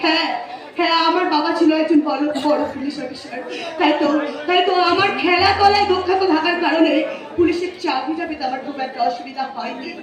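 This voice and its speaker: A woman's voice: very high voice, brisk, crowd noise. A woman on stage playing a young police officer who loves an unemployed man, with a declamatory, projected manner. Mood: sorrowful. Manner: declamatory, stage-projected delivery with emotional outbursts. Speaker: stage actor. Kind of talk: live folk-theatre melodrama. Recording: echoey live stage from far off. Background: music and audience.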